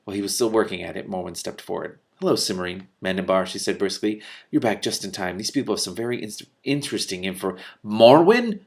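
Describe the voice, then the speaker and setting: With a creaky voice, a man reads aloud from a fantasy novel, lifting his pitch and volume for the characters' dialogue. He keeps interrupting himself with lively remarks, fast mutters, laughter and swearing, serving as reader and commentator at once.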